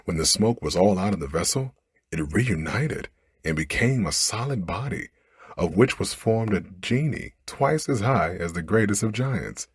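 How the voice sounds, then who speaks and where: In an unhurried, expressive ASMR reading, a man tells a bedtime story in a low, very breathy voice that moves broadly in melody. The microphone sits close and there's no echo.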